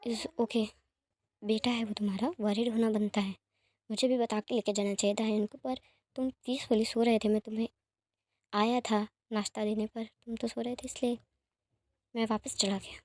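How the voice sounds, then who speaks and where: A woman voicing a calm, protective young man who speaks in a measured, soothing way. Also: a little high, no echo, close to an everyday voice.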